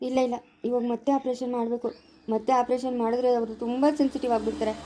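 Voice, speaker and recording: A woman's voice: a little high, little pitch movement, quick pace, mellow, lightly acted. A woman playing a doctor who firmly explains that an operation is needed, with a rural Chikkaballapura Kannada accent. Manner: firm, matter-of-fact, explaining. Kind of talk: village family drama acting.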